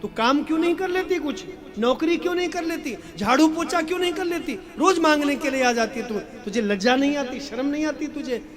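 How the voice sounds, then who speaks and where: Brief: a sneering villager turning away a beggar, put on by a male preacher, high and quick over a music bed. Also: a bit bright, in a large hall. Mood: mocking. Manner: mocking, rapid taunts. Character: scornful villager refusing alms. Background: instrumental music.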